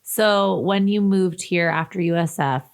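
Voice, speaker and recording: A woman hosts a casual podcast interview, her voice sitting a little low. She asks loose, winding questions full of "um" and "like," and keeps the talk friendly. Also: measured pace. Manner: friendly, rambling questions with fillers. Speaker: podcast host.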